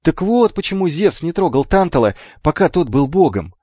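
A man voicing an eager, excitable young boy who exclaims loudly in a raised voice. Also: mid-range voice, slow pace, slightly rough, no echo, highs cut off, voice pushed up, full character voice. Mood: excited.

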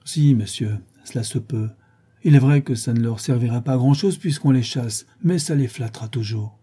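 A man's voice: mid-range voice, normal speed, warm tone, husky, lightly acted. A man voicing a nosy, self-important old male porter who talks in a prim, fussy way. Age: older.

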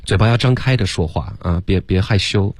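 A man teaching English pronunciation, correcting students and slowly modeling the sounds. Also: sits low, dry recording. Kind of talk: pronunciation feedback on a radio lesson.

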